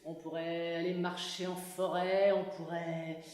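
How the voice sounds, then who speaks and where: A woman's voice: lowish voice, level tone, a little slow, darkish tone, pitched below the performer's own voice, natural voice. In a very echoey hall, a woman acts out a lazy husband in a stage comedy sketch. He wheedles and dodges in a hesitant, dragging drawl, far from the microphone. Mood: dreamy evasion.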